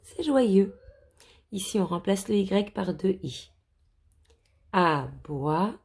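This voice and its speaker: A woman teaching a reading lesson to young children, sounding out words slowly and clearly with a lively, coaxing delivery. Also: fairly low pitch. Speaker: primary school teacher.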